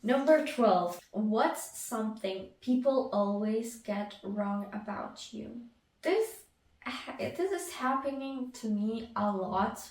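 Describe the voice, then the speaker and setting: Recorded with a distant mic in a room full of echo, this Ukrainian artist vlogger, a native Ukrainian speaker, talks slowly and haltingly through a casual get-to-know-me Q&A. Her voice is a little high and darkish with lively intonation, full of fillers and restarts.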